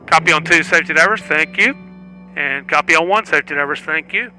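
A man's voice: a little high, fairly quick, bright, forceful tone, faint music behind, rough recording. A man working as test director, giving clipped procedural calls to divers over an intercom that sounds like helmet radio.

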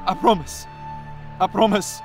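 An actor playing a hearty, loyal, emotional adventurer sidekick in a fantasy game parody, with a theatrical delivery. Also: male voice, high-pitched, a little slow, over music. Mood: anguished. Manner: theatrical, exclamatory.

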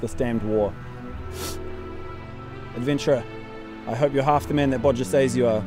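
A man's voice: mid-range voice, fairly even intonation, moderate pace, over loud music, close to an everyday voice. Man acting a wounded captain gasping last words. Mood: pained, sorrowful. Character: mortally wounded militia captain, gasping dying farewell. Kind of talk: fantasy video game parody acting.

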